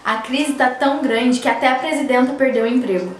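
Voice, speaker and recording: A woman's voice: high voice, fairly even intonation, fairly quick. A young Brazilian woman talking casually and playfully, as a vlogger in a word game with a friend. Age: young adult. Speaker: vlogger playing a lip-reading game. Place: small indoor room with bare wall, camera a few feet away. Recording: echoey room, distant mic, background music.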